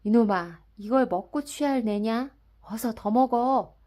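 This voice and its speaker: A loud, blustering drunken rickshaw man bellows and brags, as a woman reader puts him on. His voice sits a touch above her own, in a mellow, warm tone. The storybook reading turns rough and swaggering on each line. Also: medium pitch, a little slow, lightly acted. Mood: boastful drunk. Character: drunken middle-aged male rickshaw puller, brash and boastful. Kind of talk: dramatic audiobook reading.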